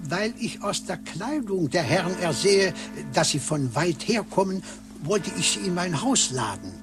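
An actor playing a polite, formal professor at a medieval university, in an old radio play. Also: male voice, sits high, expressive, measured pace, music in the background. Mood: courteous. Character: courteous male medieval professor.

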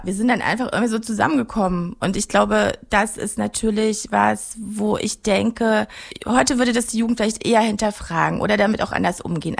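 Gravelly-voiced German woman, reflective. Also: medium pitch. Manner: reflective, searching for words with many fillers. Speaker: filmmaker guest. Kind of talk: interview conversation.

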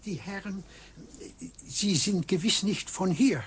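An actor playing a polite, formal professor at a medieval university, in an old radio play. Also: male voice, high-pitched, slow pace, a crowd in the background. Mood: courteous. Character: courteous male medieval professor.

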